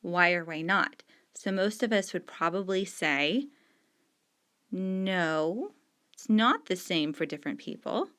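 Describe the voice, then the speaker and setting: Taking it slowly in a lowish, slightly bright voice with lively intonation, a middle-aged woman teacher explains discussion questions to students. She patiently stresses key words and annotates the page on screen with a pen as she talks.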